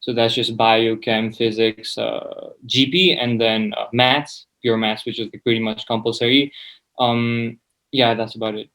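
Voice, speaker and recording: A seventeen-year-old student from Nepal chats as an interview guest in a hesitant, informal way, often saying "like". His medium-pitched, fairly bright voice has little pitch movement and an unhurried pace, and the recording is rough.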